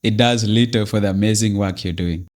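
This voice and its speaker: A man's voice: lowish voice, fairly even intonation, a little fast, a little mellow. A man hosting a podcast interview, opening with a polished welcome and chatting casually with his guest. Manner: polished scripted intro, then casual chat. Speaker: podcast host.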